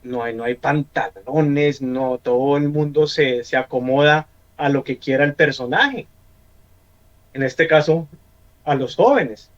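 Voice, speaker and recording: A man's voice: mid-range voice, a little slow. A middle-aged Colombian man giving an earnest testimony in a church discussion. He often repeats words while he searches for the next one. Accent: Colombian Spanish. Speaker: church member on a panel. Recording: dull lo-fi sound.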